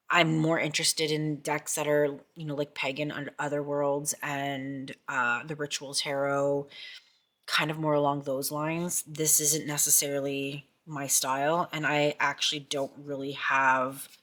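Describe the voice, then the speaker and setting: Gushing woman with a low, bright voice. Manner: gushing, repeats herself. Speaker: tarot vlogger. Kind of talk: casual chat.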